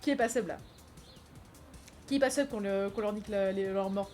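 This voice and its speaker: A woman streaming a game, chatting casually, animated, teasing and crude, laughing often. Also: medium pitch, moderate pace, loud music behind the voice. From France. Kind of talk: casual gaming stream chat.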